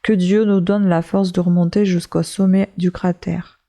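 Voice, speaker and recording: A woman's voice: on the low side, flat delivery, normal speed, mellow, natural voice. A woman reading the lines of a desperate young nephew, urgent and pleading.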